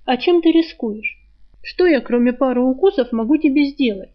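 A woman voicing a sly, sharp-tongued male talking rat in an audiobook, mocking and quick with insults. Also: sits high, lively intonation, highs cut off.

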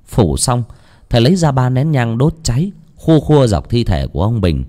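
A man narrating a horror story in a dramatic, expressive way. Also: medium pitch, moderate pace.

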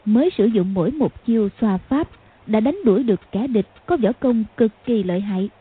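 A woman narrating a martial arts novel as an audiobook, with a steady, measured reading. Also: fairly high pitch, slightly rough. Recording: phone-like lo-fi sound.

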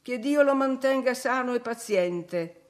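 A woman's voice: fairly high pitch, a little slow, pitched above the performer's own voice, natural voice. Woman reader doing an insolent, sullen young man, grumbling, storybook reading. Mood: defiant. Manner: grumbling, defiant.

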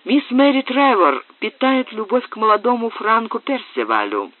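A man reading the part of an imperturbable, cold-blooded doctor in an audiobook, speaking calmly. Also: very high voice, moderate pace, pitched above the performer's own voice, full character voice. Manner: calm, unruffled. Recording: tinny, dry, phone-like audio.

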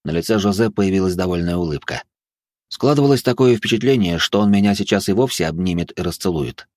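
A man narrating a first-person fantasy audiobook in a measured, even manner. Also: low voice, no room sound, clean studio sound.

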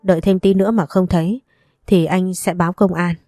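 A woman's voice: lowish voice, fairly even intonation, fairly quick, warm tone, no echo, studio quality, soft background music, close to an everyday voice. A woman reading the lines of a protective young man in a storybook reading, in a soothing way. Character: distressed young man comforting his girlfriend.

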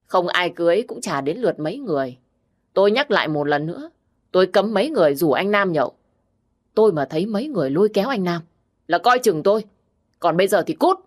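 A woman voicing a fierce, sharp-tongued young village woman who scolds bluntly. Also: fairly low pitch, lively intonation, fast talker. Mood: scolding.

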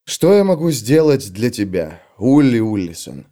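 A man voicing a weary, patient human swordsman in an audiobook, with calm, dry replies. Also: mid-range voice, measured pace. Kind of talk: audiobook character voice.

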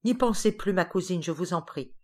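A woman doing a courteous gentle host. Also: lowish voice, moderate pace, close to an everyday voice. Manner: polite, soothing.

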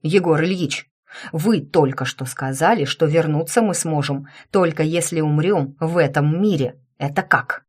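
A woman reading as a jittery young man in a storybook, hesitant and quick to stammer. the voice sits low and plain, a nervous student more than a hero. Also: breathy edge. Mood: puzzled.

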